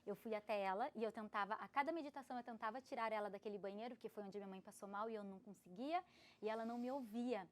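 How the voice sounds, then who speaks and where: A woman in her thirties, a podcast guest, telling an emotional personal story in an animated, expressive way. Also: mid-range voice, fast. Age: 30s. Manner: animated, expressive, laughs often.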